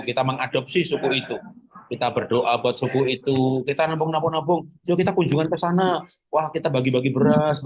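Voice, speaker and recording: Husky male preacher, joking and conversational. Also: medium pitch, low-quality recording. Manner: conversational, joking, acts out quoted prayers and lines. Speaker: pastor. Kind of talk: sermon teaching.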